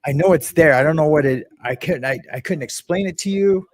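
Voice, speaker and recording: A man's voice: a little high, a little fast, no room sound. Rambling man hosting a livestream. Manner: rambling, greets chat viewers, frequent restarts and filler. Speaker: livestream host. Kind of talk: casual livestream commentary.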